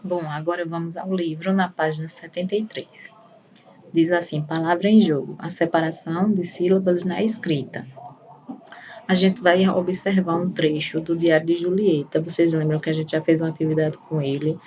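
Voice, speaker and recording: Woman teacher going over a kids lesson, patient, low mellow voice, kinda far from the mic with a bit of hum. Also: steady tone, normal speed, dull audio. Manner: patient, explaining with examples. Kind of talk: primary school lesson explaining to children. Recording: voice a bit far from the mic, faint room noise.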